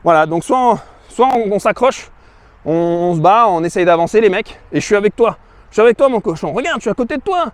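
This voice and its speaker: A man's voice: high-pitched, lively intonation, fast talker, dry recording. A man vlogging outdoors, rambling in a vulgar, mock-insulting, matey monologue to camera. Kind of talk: crude joking monologue to camera.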